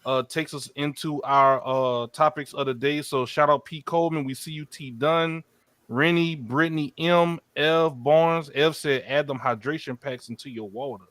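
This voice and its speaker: A man's voice: on the high side, fairly even intonation, normal speed, a bit bright, no echo. A man co-hosting a live-stream podcast in a laid-back way, greeting the chat and talking casually with frequent fillers. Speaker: podcast co-host reading out chat.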